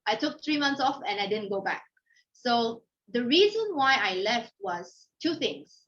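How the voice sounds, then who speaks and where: This is a lo-fi, dull recording of a guest speaker, a company founder from Manila, giving a relaxed motivational talk. The middle-aged woman has a Filipino accent and a fairly high, measured voice, and she brings her personal stories to life by acting out inner thoughts and things people told her.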